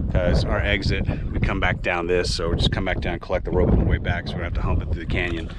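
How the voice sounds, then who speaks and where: Male, middle-aged, easygoing mountain-guide vlogger; lower register, noisy open-air action-camera sound. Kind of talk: casual outdoor vlog commentary. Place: outdoors in a sandstone canyon. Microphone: action camera, handheld or helmet-mounted. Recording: noisy outdoor wind and ambience.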